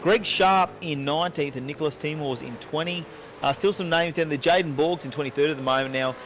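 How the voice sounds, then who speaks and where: A man hosting live sim racing commentary, chatty and quick to rattle off positions and times. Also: fairly high pitch, fairly bright tone, slight background noise.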